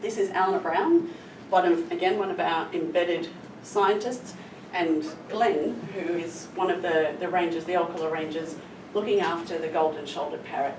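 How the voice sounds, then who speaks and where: A middle-aged woman with a slightly low voice gives an earnest, emphatic talk, explaining and storytelling as she goes. She is recorded from a distance in a roomy, echoey space. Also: moderate pace. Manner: earnest, emphatic with stressed adverbs. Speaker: conservation scientist presenting. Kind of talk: public presentation, explanatory storytelling. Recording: roomy echo, distant mic, clear background noise.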